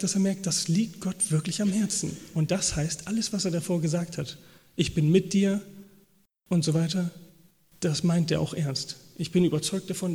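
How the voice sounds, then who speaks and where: A preacher with a high, mellow voice gives a sermon in a church hall, retelling biblical stories and vividly performing the quoted voices of their figures. The hall's long reverb hangs on his words.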